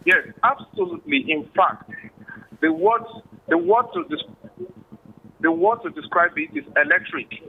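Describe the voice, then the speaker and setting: A Nigerian-accented traditional chief with a high, very animated voice and vocal fry, plus a little hiss or hum. In a remote interview over a bad, tinny, phone-like connection, he gives a formal, measured historical explanation.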